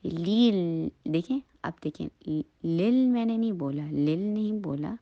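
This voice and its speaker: Patient woman teaching slow recitation. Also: lowish voice, expressive, no echo. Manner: patient, repeats syllables slowly for students to copy. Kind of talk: slow tajweed lesson with modeled recitation. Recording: dry, dull lo-fi recording.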